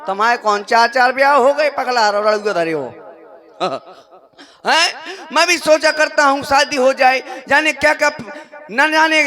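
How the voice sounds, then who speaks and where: High, bright-voiced village comedian. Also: male voice. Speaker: stage comedian. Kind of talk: comic stage monologue at a village folk play.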